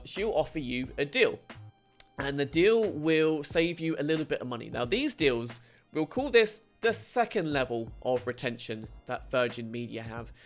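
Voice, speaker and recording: A man's voice: a little high, a bit bright. A man giving chatty, wry advice in a casual talk. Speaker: host.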